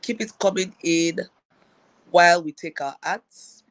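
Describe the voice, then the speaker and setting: A woman's voice: fairly low pitch, unhurried, dry recording, rough recording. A woman coach hosting a live-streamed talk show, addressing viewers directly and repeating her key phrases. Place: live online broadcast on a slow connection.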